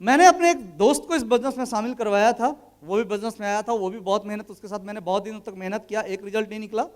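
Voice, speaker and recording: A man in his thirties with an unusually high voice tells a motivational story at a business event. His delivery is casual and colloquial, and he slips into acting out each exchange in his anecdotes. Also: fast talker.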